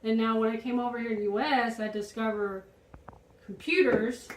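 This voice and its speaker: A young Taiwanese woman, an artist and photographer, gives a casual tour of her home, laughing lightly between thoughts. Her voice is a little high with fairly even intonation and a moderate pace. The indoor rooms lend the recording a roomy, homey echo.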